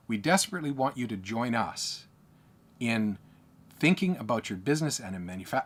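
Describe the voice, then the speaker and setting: A man's voice: on the low side, slightly rough. An Australian man coaching business owners, talking emphatically and repeating his points. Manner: emphatic, repetitive, lecturing. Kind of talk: speaking to camera.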